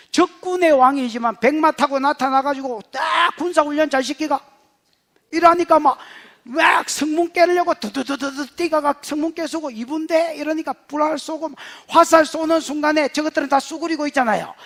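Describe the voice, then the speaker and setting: A middle-aged male pastor with a Gyeongsang Korean accent, preaching in a humorous, animated storytelling manner. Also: very high voice. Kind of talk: sermon.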